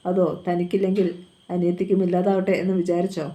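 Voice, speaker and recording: A woman's voice: fairly low pitch, monotone, fast talker, warm tone, close to an everyday voice. A woman reading the lines of a hurt younger sister who asks blunt, pointed questions.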